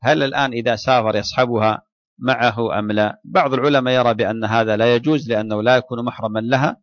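A man, an Islamic scholar, answering listeners' questions in a religious lecture, measured and deliberate with frequent restarts. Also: mid-range voice, no room sound, dull audio.

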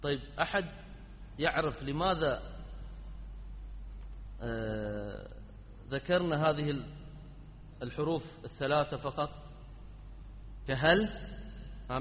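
A man's voice: medium pitch, expressive, slow, long pauses, a bit bright, slight background noise. A man teaching an Arabic grammar class, quizzing his students and prompting them with repeated questions. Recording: dull lo-fi sound in a reverberant hall.

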